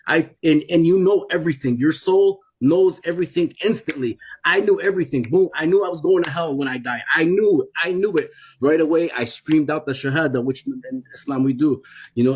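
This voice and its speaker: A man's voice: mid-range voice, slightly rough. A middle-aged man giving an intense, emphatic personal testimony, often restarting his sentences. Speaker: testimony speaker.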